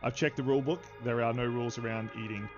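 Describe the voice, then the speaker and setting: A man's voice: mid-range voice, steady tone, quick pace, over music. Male game master and stream host, playful banter, dull lo-fi mic sound. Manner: jokey, playful banter with chat. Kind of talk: casual livestream chat, narrating a tabletop game.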